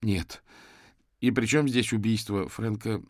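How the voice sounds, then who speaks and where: A man's voice: fairly low pitch, a little slow, dry recording, pitched above the performer's own voice, close to an everyday voice. A man voicing a frightened young man under police questioning, stammering, shaky and close to tears. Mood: nervous.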